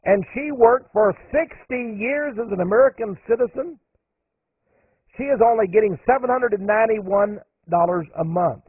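This man hosts a radio monologue, speaking emphatically and jumping sharply upward on key points. His voice sits high with a breathy edge and a moderate pace. The sound is dry, narrow, phone-like radio audio.

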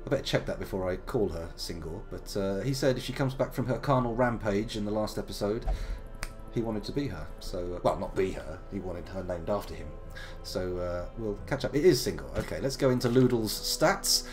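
A man in his thirties, his voice gravelly from a slight cold, commentates casually on a live game stream at a slightly fast pace. He's chatty and playful, with lively swings in pitch, and keeps wandering off into jokey asides. Faint game music plays in the background.

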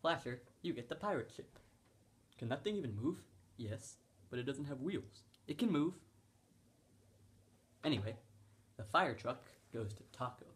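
A man voicing toy dogs and running a race in an amateur toy role-play, with quick, excitable exclamations. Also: mid-range voice. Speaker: home video creator voicing toy dogs.

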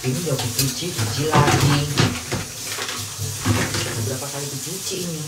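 A woman's voice: low-pitched, brisk, heavy background noise. A woman vlogging at home, grumbling about the rain and cooing and scolding at her cats in a casual monologue.

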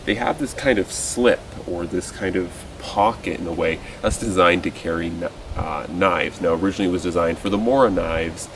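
A young man sitting on a truck tailgate in a forest clearing, casually talking through his gear with fillers and restarts, recorded outdoors by a distant camera. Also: low-pitched, moderate pace, hardly any pauses. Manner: relaxed, conversational, with frequent fillers and restarts. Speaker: outdoors video host. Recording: distant mic with loud outdoor noise.

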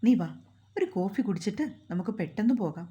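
A woman storyteller voicing a stern, short-tempered young husband who scolds and gives orders in a gruff way. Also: medium pitch, expressive, a little fast, dark tone, highs cut off, close to an everyday voice.

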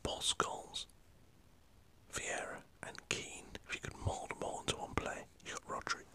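At a normal speed and with a sharp tone, a man with a northern English accent whispers a rambling football chat for an ASMR channel. He's chatty and mildly sweary, and a camera is set up in front of him.

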